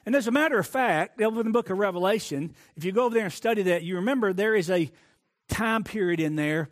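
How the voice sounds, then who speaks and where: A middle-aged man preaching a sermon as pastor, swinging from loud emphatic lines to hushed asides and repeating phrases for emphasis. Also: sits high, fast talker.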